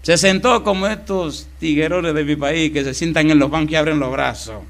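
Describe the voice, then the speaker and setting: A middle-aged man preaching a sermon, telling stories and calling out questions to the congregation with big swings in loudness. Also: a little high, moderate pace. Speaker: pastor. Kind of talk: sermon with storytelling.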